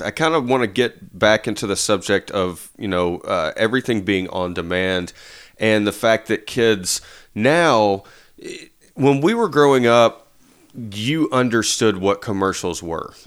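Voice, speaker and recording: A man's voice: lowish voice, normal speed, clean tone. A man in his thirties co-hosting a casual chat show, rambling with plenty of fillers. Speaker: podcast co-host.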